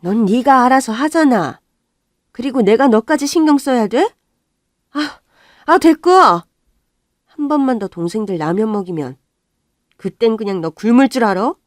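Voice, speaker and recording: A woman voicing a harsh middle-aged mother who scolds and shouts at her daughter in a storybook radio drama. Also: on the high side, lively intonation, a little slow, pauses often, dry recording, clean studio sound, pitched above the performer's own voice. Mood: scolding.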